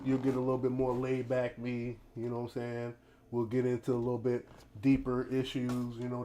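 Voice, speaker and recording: A man's voice: medium pitch, a little mellow. An American man hosting a laid-back, casual commentary livestream, his speech slightly impeded by a teeth grill. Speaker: host of a news commentary livestream. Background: ambient noise, storm outside.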